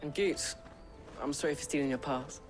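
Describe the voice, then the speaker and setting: A man's voice: a little high, moderate pace, music in the background, close to an everyday voice. A man playing a cocky but good-hearted young street lad in a video game, informal and plain-spoken. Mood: sheepish, friendly. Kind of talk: video game drama acting.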